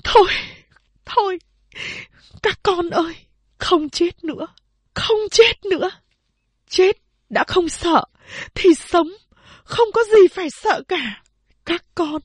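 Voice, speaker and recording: A woman's voice: very high voice, lively intonation, slow pace, long pauses, no echo, clean studio sound, pitched above the performer's own voice, exaggerated voice. A woman voicing a desperate peasant mother worn down by famine, pleading and wailing in a raised voice. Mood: resolute.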